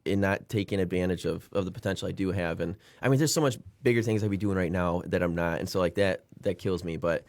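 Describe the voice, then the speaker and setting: A lower-voiced man talks quickly and earnestly as a podcast guest, swearing now and then. The sound is dry and close, with no room around it. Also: darkish tone, no echo. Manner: earnest, fast, swears casually. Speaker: guest, real estate agent. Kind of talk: casual podcast conversation.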